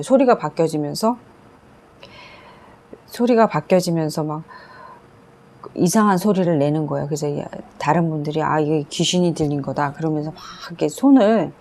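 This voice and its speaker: Lower-voiced woman preacher. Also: mellow. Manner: conversational storytelling with frequent fillers and repetition. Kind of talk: sermon testimony.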